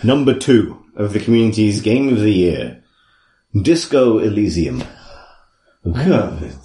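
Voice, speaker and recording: A man co-hosting a podcast, reading out a list with jokes, swearing and frequent laughter, a little hoarse. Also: on the low side, animated, unhurried, dark tone. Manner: jokey, swearing, laughing often. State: losing his voice. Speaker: podcast co-host. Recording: roomy echo.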